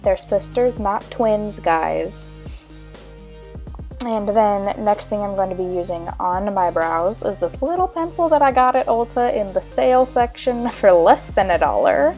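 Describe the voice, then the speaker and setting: A woman's voice: medium pitch, animated, normal speed, a little mellow. A young woman narrating a casual makeup tutorial in a chatty, wry, self-deprecating way, sounding a little tired and hungover. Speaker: makeup vlogger. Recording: background music under voice-over. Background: music.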